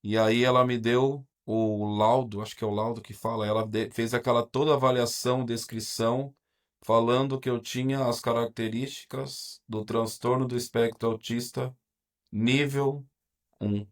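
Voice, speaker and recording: A man's voice: medium pitch, flat delivery. A Brazilian man with a Brazilian Portuguese accent, a guest in an interview, telling his own story in a candid, reflective way, hesitating and restarting often. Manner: halting, hesitant, frequent restarts and pauses. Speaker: podcast guest, teacher.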